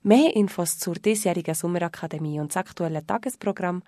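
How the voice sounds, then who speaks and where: A woman narrating a radio report in a measured, clearly articulated way. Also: lowish voice, mellow, no room sound, studio quality.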